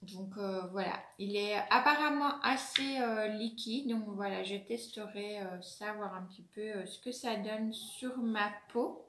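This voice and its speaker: A woman's voice: medium pitch, a little slow, hardly any pauses, fairly bright tone. A French-accented woman reviewing beauty products in a casual vlog, hesitant, with many fillers and self-corrections. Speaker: beauty vlogger. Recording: echoey room.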